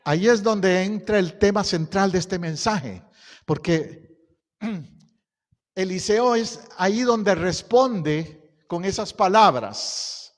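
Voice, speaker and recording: A man's voice: sits high, expressive, takes it slowly. A middle-aged male pastor preaching a storytelling sermon, building to emphatic bursts. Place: church hall. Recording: long church hall reverb.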